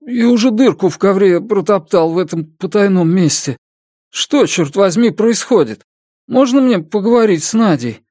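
A man's voice: high voice, expressive, normal speed, darkish tone, dry recording, studio quality, voice pushed up. A man doing a frantic, pleading man in hiding. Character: panicky man hiding out, desperate.

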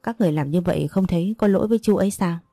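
A woman voicing a grieving seventeen-year-old who pleads and insists, in a low, dark voice. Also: very fast, no echo, clean studio sound. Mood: defiant. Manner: pleading, insistent, breaking into denial.

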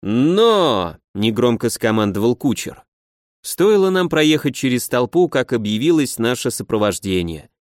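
A man's voice: mid-range voice, normal speed, no echo. Man, audiobook narration, wry, conversational, dry close sound. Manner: even, wry, conversational storytelling. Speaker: audiobook reader. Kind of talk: first-person audiobook narration.

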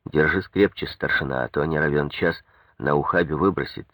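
A man with a husky low voice voicing a grim, mocking male criminal leader who hisses his words. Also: normal speed, fairly bright tone, dry recording. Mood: grim mockery. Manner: mocking, hissing.

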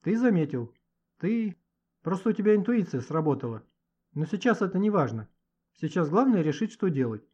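Brief: man voicing a thoughtful teen boy, earnest and unsure, husky, lo-fi audiobook sound. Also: high-pitched, very animated, normal speed, a little mellow, pitched above the performer's own voice. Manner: earnest, hesitant. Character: thoughtful, hesitant teenage boy. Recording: dull lo-fi audiobook recording.

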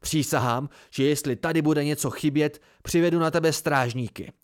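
A man's voice: a little high, natural voice. Man playing arrogant young nobleman, spiteful, barking, storybook villain. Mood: furious, spiteful. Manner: spiteful, shouting orders. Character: arrogant rich young nobleman, furious bully.

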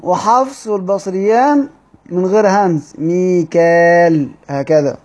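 A man with an Egyptian accent teaching Quranic readings in a study-circle lecture, explaining step by step and drawing out key words slowly. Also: high voice, dark tone. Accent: Egyptian Arabic. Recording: dull lo-fi recording.

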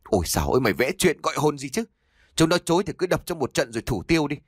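A man's voice: on the high side, big pitch swings, quick pace, breathy edge, no room sound, studio quality, pitched above the performer's own voice. A man voicing an impatient, brutal male accomplice in a ghost story, scoffing and dismissive in a raised voice.

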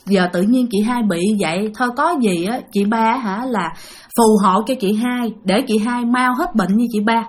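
A woman voicing a worried younger sister who quietly prays to her dead sister's spirit. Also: fairly high pitch, moderate pace, natural voice. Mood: pleading. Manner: soft, hushed and pleading.

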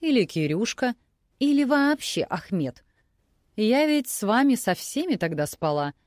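A woman reading aloud voices a shrill, tearful, accusing middle-aged ex-wife who nags and taunts. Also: sing-song, a little slow, a little mellow, no room sound, clean studio sound. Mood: snide taunting.

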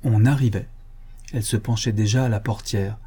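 A man reading a novel aloud as a first-person audiobook narration, telling it in a steady, expressive way. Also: fairly low pitch, normal speed, breathy edge. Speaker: audiobook reader.

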